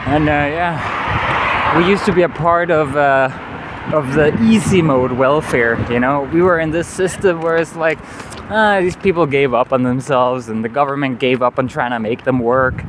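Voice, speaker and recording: Speaking at a moderate pace in a fairly high voice, a male travel vlogger with a Danish accent, Danish being his native language, rambles earnestly while walking a city street. He often says "you know." Traffic and vehicles sound clearly in the background.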